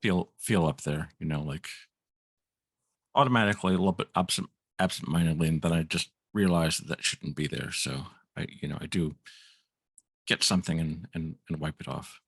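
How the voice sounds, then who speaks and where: A man's voice: extremely low pitch, moderate pace, vocal fry, husky, no room sound, studio quality. A man playing a tabletop game, hesitantly describing his character's actions and repeating words as he goes. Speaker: player.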